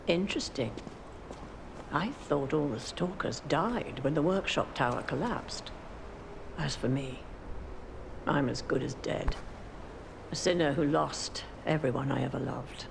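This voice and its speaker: Weary woman gatekeeper, gravelly, resigned, guilt-laden, game audio with clear noise behind. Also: extremely low pitch, lively intonation, unhurried, pauses often, exaggerated voice. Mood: resigned, sorrowful. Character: weary, guilt-ridden woman guarding a forbidden path.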